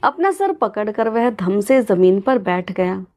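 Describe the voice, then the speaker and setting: A woman narrating a moral family story in a scripted reading, voicing every character in one steady voice. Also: mid-range voice, measured pace.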